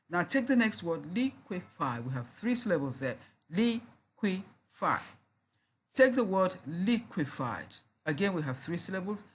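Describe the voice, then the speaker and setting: A university lecturer giving a recorded lesson, talking slowly and deliberately, repeating each word to sound it out and spelling out letters. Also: mid-range voice, slightly rough.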